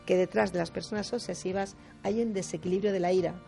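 A woman speaking as a guest on a radio talk show, explaining in a lively way, acting out quotes and often adding quick tag questions. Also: lowish voice, gravelly, soft background music. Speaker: guest speaker on difficult personalities.

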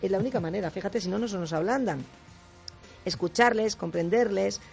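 A woman speaking as a guest on a radio talk show, explaining in a lively way, acting out quotes and often adding quick tag questions. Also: medium pitch, gravelly, faint music behind. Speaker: guest speaker on difficult personalities.

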